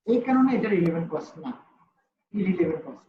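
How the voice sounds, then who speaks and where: Male teacher, brisk question-and-answer style, roomy online-call sound. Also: high-pitched, sing-song. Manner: quizzes students, answers own questions. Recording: roomy, slightly dull call audio with faint ambience.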